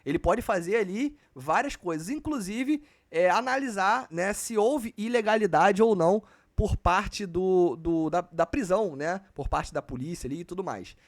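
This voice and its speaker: A man's voice: sits high, moderate pace. A man teaching a live online exam prep class in a casual, slangy, profane manner, talking to his students as "galera".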